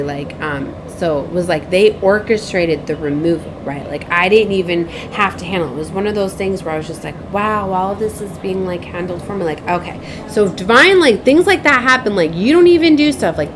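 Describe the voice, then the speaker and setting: With an expressive, medium-pitched voice and a slightly quick pace, this tarot-reading spiritual advisor hosts a relaxed vlog over a noisy background. Her talk meanders and loops back on itself, peppered with tag questions seeking agreement and little performances of remembered dialogue.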